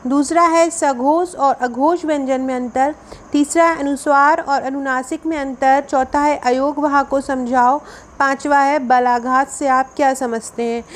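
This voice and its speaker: A woman, teaching Hindi grammar for an exam and explaining step by step, repeating key definitions. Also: high voice.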